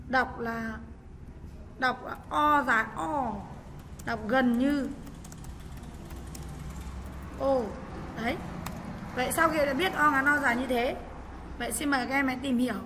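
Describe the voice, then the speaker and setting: Bright-voiced woman teaching a class. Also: sits high, long reverb tail, a little hiss or hum. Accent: Vietnamese. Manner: patient, repeats key points, calls on students. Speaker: English teacher. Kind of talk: online class lesson.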